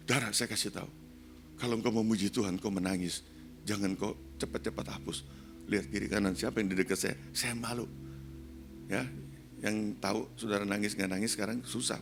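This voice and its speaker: An older man, a pastor, preaching a sermon, moving between soft low asides and loud, high-pitched exhortation. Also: fairly even intonation, fairly quick, creaky, long pauses, music in the background. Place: church sanctuary.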